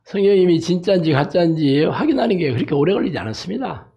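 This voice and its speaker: A man's voice: sits high, big pitch swings, fast, creaky, mellow. A male pastor preaching a sermon emphatically, breaking in with rhetorical tag questions and anecdotes. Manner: emphatic, frequent rhetorical "eh?" tags; tells jokes and anecdotes.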